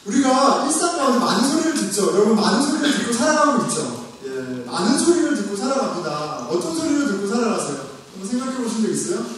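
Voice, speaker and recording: A middle-aged male pastor preaching with a high, swinging voice that leaps up and drops low. He tells everyday stories and acts out the people in them. The sound comes from far off in a big reverberant hall with faint noise behind. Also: fast, hardly any pauses. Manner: animated storytelling, acts out scolding his kids. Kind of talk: sermon. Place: church hall.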